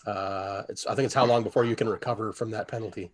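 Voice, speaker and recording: A man's voice: lowish voice, fairly even intonation, fast talker. A man playing a tabletop game, chatting casually with wry, wisecracking humor. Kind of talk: casual joking banter.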